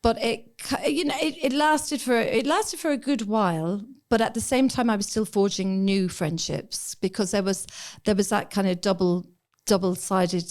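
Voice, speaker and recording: Podcast guest: woman, fifties, reflective storyteller, mid-pitched. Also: moderate pace, few pauses, a little mellow. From Ireland. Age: 50s. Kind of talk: casual chat.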